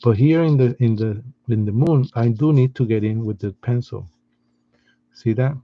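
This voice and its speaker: A man giving a step-by-step drawing lesson in a patient, soft-spoken way, often restarting his sentences. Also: medium pitch, moderate pace, dry recording, dull audio. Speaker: art teacher.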